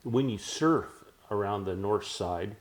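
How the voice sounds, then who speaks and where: A man with a lowish voice hosts a laid-back interview. He puts friendly, casual questions to his guest. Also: slow. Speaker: interviewer, host.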